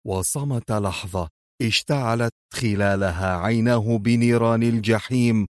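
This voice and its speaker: A man narrating a spy thriller in a steady, dramatic storytelling voice. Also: lowish voice, normal speed, dry recording, clean studio sound. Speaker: audiobook narrator.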